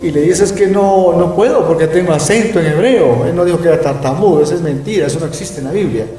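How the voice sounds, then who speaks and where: Speaking fast in a high-leaning, dark voice, a middle-aged man leads a Bible lesson from a room with closed blinds. He stresses his points emphatically and sprinkles in "¿verdad?" often. The echoey recording catches him off-mic.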